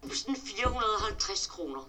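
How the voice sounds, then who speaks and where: A woman's voice: mid-range voice, animated, pushed and bright. An actress playing a stern woman at a bank who curtly demands a payment, in old film dialogue.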